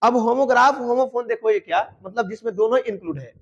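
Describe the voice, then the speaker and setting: A man's voice: very high-pitched, fast, breathy edge. A man teaching an exam-prep grammar lesson, repeatedly asking his students questions and answering them himself. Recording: dull lo-fi sound.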